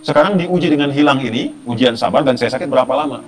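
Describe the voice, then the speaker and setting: Fast-talking man preaching a sermon. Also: medium pitch, music in the background. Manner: conversational, asks the audience rhetorical questions. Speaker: Islamic preacher.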